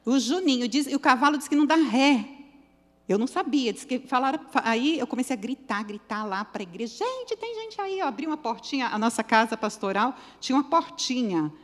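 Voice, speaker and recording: A middle-aged woman from São Paulo with a Brazilian accent, leading a children's ministry training with lively stories and direct talk to her group. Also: on the high side, brisk, big-room sound. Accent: Brazilian Portuguese.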